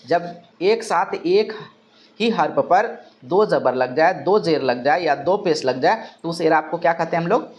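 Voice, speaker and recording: A man's voice: fairly high pitch, expressive, moderate pace, muffled recording. A male teacher giving an exam-prep grammar lesson, asking questions and answering them himself, repeating key terms.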